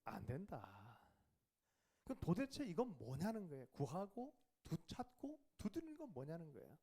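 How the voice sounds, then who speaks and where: A man preaching a revival sermon with a warm, relaxed tone. His pitch rises and falls with great animation. He keeps asking the congregation questions and sometimes drops to a whisper for a quiet aside. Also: normal speed, breathy edge. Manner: questions the congregation and asks for replies. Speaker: pastor.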